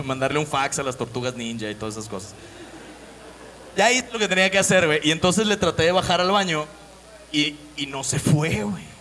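High bright-voiced Mexican comedian. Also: male voice. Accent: northern Mexican. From Monterrey, Mexico. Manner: profane, storytelling, acts out voices. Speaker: stand-up comedian. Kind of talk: stand-up comedy set.

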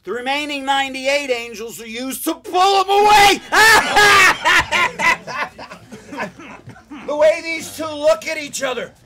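A man's voice: extremely high pitch, slow, heavy background noise. An actor playing a jovial older father who tells jokes and gives a boisterous wedding toast on a theatre stage. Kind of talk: live stage musical acting.

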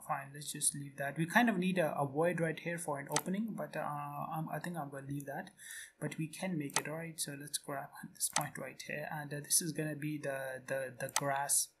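A man narrating a screen-recorded software tutorial in quick, repetitive step-by-step phrases. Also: a little high. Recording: noisy home recording.

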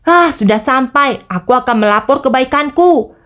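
A woman's voice: sits high, lively intonation, moderate pace, fairly bright tone. A woman voicing a selfish, mischievous young boy who sulks and mutters to himself in a story told over a game. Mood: grumbling.

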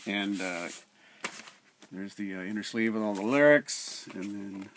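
Relaxed middle-aged man chatting about records. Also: lowish voice, unhurried, a little hiss or hum. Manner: relaxed, rambling, many "uh" fillers. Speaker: record collector vlogger. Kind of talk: casual record review. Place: home room with shelves of records. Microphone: camera at close range.

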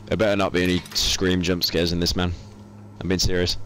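A man's voice: deep voice, level tone, fairly quick, fairly bright tone, slight background noise. A young man streaming a game, panicking, swearing and repeating words as he plays. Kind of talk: live gameplay commentary. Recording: game music behind voice.

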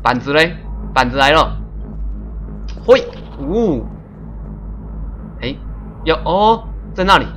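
Excitable bright-voiced game streamer. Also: male voice, on the high side, slow, pauses often, faint music behind. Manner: excitable, chatty, laughs often, makes little sound-effect noises. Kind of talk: live gameplay commentary.

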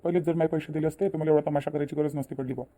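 A man's voice: fairly high pitch, steady tone, very fast, dark tone, close to an everyday voice. A man voicing a rude, bullying male moneylender. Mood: demanding. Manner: blunt, bullying.

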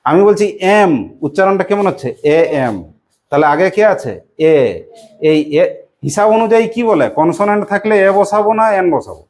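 A woman's voice: medium pitch, expressive, fairly quick, darkish tone. A woman with a West Bengal Bengali accent teaching a primary school English lesson in a classroom, patiently repeating questions and prompting the pupils to answer. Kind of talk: classroom lesson with call-and-response drilling.

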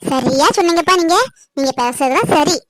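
A young woman playing a jealous, sharp-tongued teenage younger daughter in a family drama skit. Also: dry recording, lightly acted. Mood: taunting. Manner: taunting, quick and shrill. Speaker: younger daughter going to tuition.

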